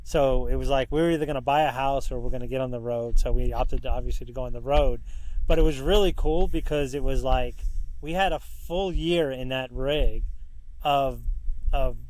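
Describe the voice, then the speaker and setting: A man's voice: medium pitch, normal speed, a little mellow, rough recording. A middle-aged man telling stories casually and frankly as a podcast guest, self-deprecating and mildly profane. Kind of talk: casual, candid storytelling.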